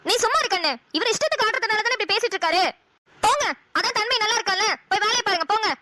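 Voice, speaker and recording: A woman voicing a fierce, protective middle-aged mother in a cartoon, scolding rapidly with a Kongu Tamil accent. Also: very high voice, expressive, noisy background. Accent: Kongu Tamil (Namakkal). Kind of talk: cartoon voice acting.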